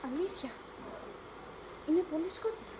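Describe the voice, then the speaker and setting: Martirio, a bitter jealous young sister, played by a young actress. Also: female voice, very high-pitched, big pitch swings. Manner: stern, reproachful, declaiming. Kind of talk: amateur stage acting. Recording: echoey live stage recording, faint noise.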